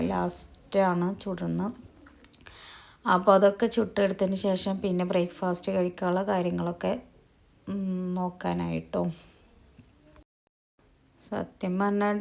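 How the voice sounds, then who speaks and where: A woman narrating her cooking vlog in a soft, low-volume voice-over, chatty and rambling, often correcting herself. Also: creaky. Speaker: cooking vlogger. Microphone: recorded in a closed room.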